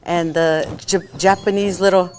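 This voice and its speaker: A woman co-hosting a podcast, telling a family story in a rambling, animated way with lots of fillers. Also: on the low side, moderate pace, faint music behind. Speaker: podcast co-host. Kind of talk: casual storytelling chat.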